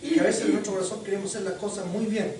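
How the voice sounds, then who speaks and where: A preacher delivers a sermon in a church hall, telling stories with animated energy. The preacher keeps asking the congregation questions. The sound is distant and drenched in heavy hall echo, with a faint hiss behind it. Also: medium pitch, fast. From Chile. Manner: animated storytelling, quizzing the congregation. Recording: very echoey hall, distant mic, faint noise.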